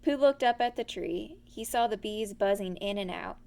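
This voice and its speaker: A woman with a medium-pitched, creaky voice reads a children's story aloud at normal speed, telling it expressively.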